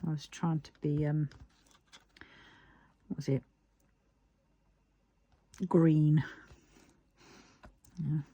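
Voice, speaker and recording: A British woman chatting casually while crafting, musing half to herself in a husky, breathy voice. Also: low voice, little pitch movement, very slow, long pauses, dry recording, dull audio.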